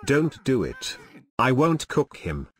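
A man's voice: medium pitch, big pitch swings, takes it slowly, a bit bright, breathy edge. A man giving crude, brash comedic commentary while playing a video game. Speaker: gameplay commentator.

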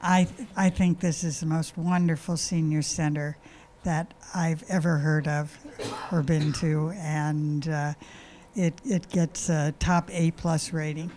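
A woman's voice: low-pitched, flat delivery, slow pace, slight background noise. A woman in her eighties from New Jersey, introducing herself at a senior center with wry asides. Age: 80s. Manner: warm, wry, laughing asides. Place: large community room indoors. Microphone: handheld mic.

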